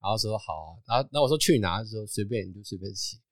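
A man's voice: on the low side, very fast, no echo, studio quality. A man with a Taiwanese Mandarin accent, co-hosting a casual podcast chat and telling stories with a laugh. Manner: animated storyteller, laughs often. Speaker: podcast co-host.

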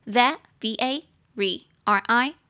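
Woman spelling out English words slowly. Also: fairly high pitch, sharp tone. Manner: explains words slowly, spells them letter by letter; repeats words and mixes Mandarin with English. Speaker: English teacher and podcast host. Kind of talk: podcast vocabulary lesson.

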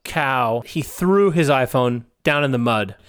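A man co-hosting a comedy show, narrating an improvised story in a deadpan, mock-epic way. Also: mid-range voice, a little slow, clean tone, no echo, clean studio sound. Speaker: podcast co-host.

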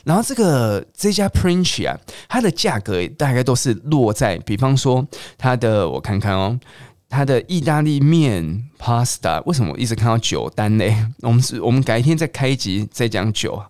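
Brief: middle-aged man from Taiwan, chatty English teacher, animated delivery, dry close sound. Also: mid-range voice, moderate pace, no room sound. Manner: lively, chatty, mixes English words into Mandarin. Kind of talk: casual teaching monologue.

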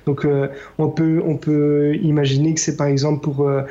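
A man explaining a tech news item in a measured way, with some hesitation. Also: fairly high pitch, flat delivery, mellow. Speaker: podcast guest contributor. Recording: dull lo-fi sound.

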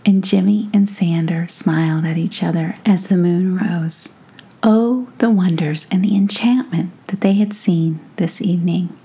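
A woman reading a bedtime story aloud with soft, half-whispered narration. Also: lowish voice, a little slow, husky.

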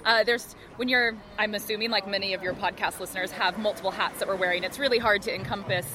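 A woman's voice: medium pitch, fairly even intonation, fast, noisy background. A woman with an American accent talking casually as a podcast guest. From United States. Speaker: podcast guest, charity technology professional. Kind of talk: casual interview chat.

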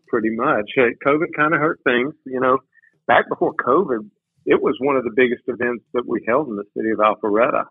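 A man's voice: mid-range voice, breathy edge, no echo. A man who is a city mayor, calling in to a radio show over phone call audio and chatting in an easygoing, upbeat way. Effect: tinny phone call audio. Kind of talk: casual radio chat. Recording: dry tinny phone line.

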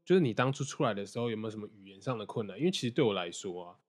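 A man's voice: fairly low pitch, animated, rapid-fire. A young man hosting a casual podcast interview, prompting his guest and summing up his points. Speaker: podcast host.

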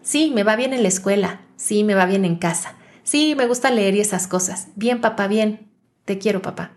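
A guarded young foster girl speaks in curt, blunt replies, as a woman narrator puts her on. She sounds defiant and wary, only a touch higher than the reader's own voice. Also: moderate pace, lightly acted. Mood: sweet.

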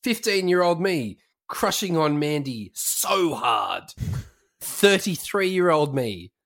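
A man with a lively, somewhat high voice, cracking crude jokes as a podcast co-host. He swears through loose, rambling banter. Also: slow pace. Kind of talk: casual banter.

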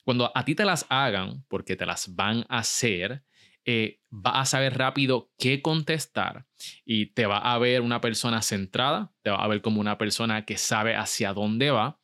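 Energetic male podcast host. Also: medium pitch. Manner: energetic, mixes English words into Spanish. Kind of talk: motivational podcast monologue.

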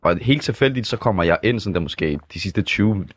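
A man's voice: fairly low pitch, expressive, a little hiss or hum. A man co-hosting a casual studio talk show, telling the group's story and acting out quoted voices. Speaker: podcast co-host. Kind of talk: casual chat. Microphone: studio mic.

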